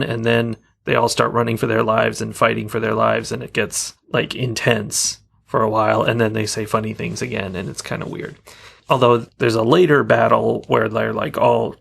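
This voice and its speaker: Gravelly laid-back man. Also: mid-range voice, a bit bright. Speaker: podcast co-host. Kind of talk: casual movie review chat.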